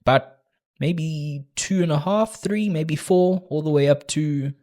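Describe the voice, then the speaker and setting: A man's voice: a little high, a little slow, a little mellow. A young South African man, a podcast guest, chatting casually with frequent restarts and joking asides. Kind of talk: casual interview chat.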